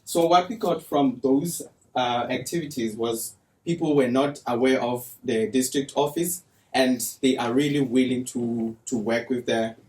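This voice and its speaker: Young man, mid voice, halting student presenter, distant mic. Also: medium pitch, darkish tone. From Lesotho. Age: young adult. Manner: hesitant, repeating words. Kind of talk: project presentation.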